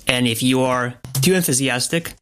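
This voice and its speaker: Brief: man, bright, crisp-edged voice, calm and explanatory interview guest. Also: medium pitch, slight background noise. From Lithuania. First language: Lithuanian. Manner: measured, explanatory. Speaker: podcast guest, software developer. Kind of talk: casual interview.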